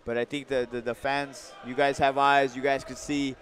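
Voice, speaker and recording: A man's voice: medium pitch, flat delivery, moderate pace, fairly bright tone, a little hiss or hum. A man giving casual live boxing commentary.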